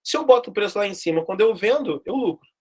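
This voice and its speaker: A man's voice: high voice, animated, quick pace, breathy edge. A man from Brazil, teaching history in a jokey, slangy, dramatic storytelling manner. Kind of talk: lively class storytelling.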